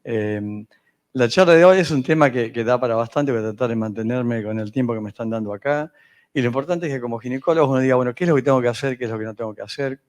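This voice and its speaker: Lecturing on fertility medicine, this northern Argentine man has a darkish, mid-range voice and the accent of his region's Spanish. His delivery is halting, peppered with frequent pauses, filler words, and restarts.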